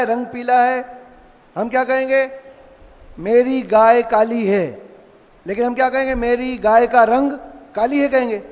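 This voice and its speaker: A man's voice: extremely high pitch, in a large hall. A man teaching an Arabic lesson, explaining words and asking and answering his own questions. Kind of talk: classroom lesson.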